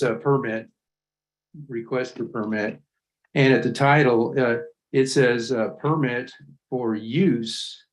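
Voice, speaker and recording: A man making a public comment at a county meeting, halting and repeating words as he builds his point. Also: medium pitch, low-quality recording.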